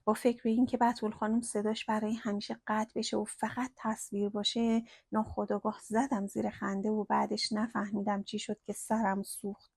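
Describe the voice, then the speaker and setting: A woman narrating a first-person story in a slow, hushed storytelling manner. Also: medium pitch, little pitch movement, gravelly, slightly rough, no echo, studio quality.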